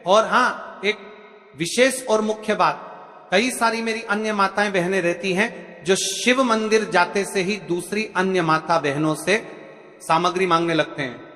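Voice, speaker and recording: A man's voice: high voice, a little slow, pushed and bright, long reverb tail. A man preacher giving step-by-step devotional instructions, speaking straight to his listeners as devotees and often checking in with them. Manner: repeats a checking "okay". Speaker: religious preacher.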